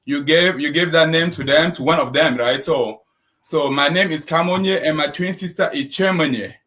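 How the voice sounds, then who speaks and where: A man from Cameroon, a guest in a casual interview, talking in a relaxed way with frequent tag questions. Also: a little high, moderate pace. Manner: relaxed, frequent "you know", "right".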